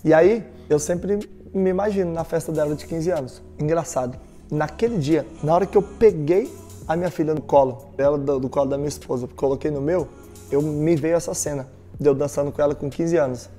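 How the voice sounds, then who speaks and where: Emphatic Brazilian man over soft music. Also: a little high, brisk. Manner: emphatic storytelling, addresses the listener directly. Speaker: motivational speaker. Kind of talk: motivational talk.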